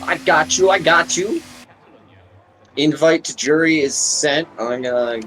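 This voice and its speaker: A man giving live sim racing commentary, excitable and joking, rising to shouts at incidents. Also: a little high, measured pace, a little hiss or hum, rough recording. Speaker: race commentator.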